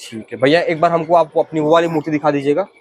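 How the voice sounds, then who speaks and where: A man's voice: a little high, steady tone, fast. Male reporter summing up for viewers. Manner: prompting, summarizing for viewers. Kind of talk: field interview. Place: idol workshop.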